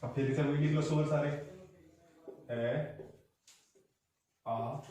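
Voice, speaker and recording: A man's voice: fairly high pitch, steady tone, takes it slowly, dark tone, heavy reverb, far from the mic. A male teacher giving a patient exam-prep lesson, drawing out sounds as he explains them. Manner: explains patiently, draws vowels out long.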